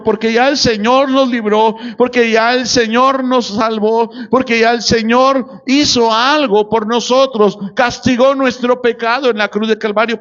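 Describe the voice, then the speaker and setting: Pastor guy preaching, high voice, takes his time, asks then answers, wants amens. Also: muffled recording. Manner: asks rhetorical questions and answers them himself; calls for amens from the congregation. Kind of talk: sermon.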